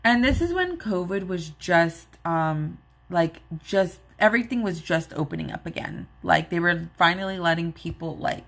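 A woman's voice: on the low side, lively intonation, normal speed, hardly any pauses, fairly bright tone. A woman hosting her own vlog, casually telling a personal story in a rambling, open way with plenty of "like" and "um.". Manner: chatty, rambling, many "like" and "um" fillers; open and emotional when recalling events. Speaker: vlog host.

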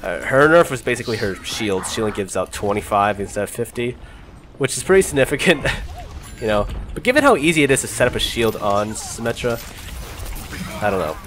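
A young gaming channel host, stuffy and congested from a cold, gives casual gameplay commentary in a mid-range voice with lively intonation, a fairly bright tone and a slightly fast pace. He's chatty, laughing and swearing now and then at close calls as he plays. Game music and sounds play clearly underneath, with slight background noise.

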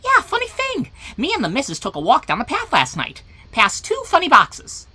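A performer voicing a folksy, chatty talking animal in a cartoon comic dub, with a raspy voice. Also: high-pitched, wildly swooping pitch, moderate pace, sharp tone, exaggerated voice. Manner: folksy, colloquial.

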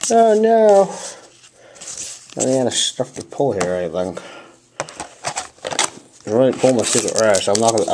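A young man hosting a casual unboxing at home, talking offhandedly as if half to himself. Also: fairly low pitch. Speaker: video host opening card packs. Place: indoors at a table at home. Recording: noisy home recording, wrapper crinkling. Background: crinkling packs, clicks, clear noise.

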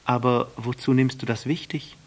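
A man's voice: mid-range voice, little pitch movement, normal speed, voice pushed up, natural voice. A man doing a small, wondering boy prince. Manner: curious, simple questions. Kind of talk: audiobook reading.

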